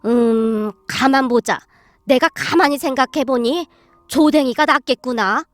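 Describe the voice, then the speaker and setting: A woman voicing a stern old grandmother-in-law who drills her family in scolding, with slow, drawn-out commands. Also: high voice, dry recording, soft background music, voice pushed down.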